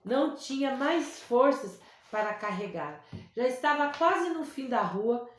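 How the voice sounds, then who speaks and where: A woman's voice: high-pitched, big pitch swings, measured pace. Woman reading a children's story. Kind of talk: scripted narration of a children's Bible story. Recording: very echoey room.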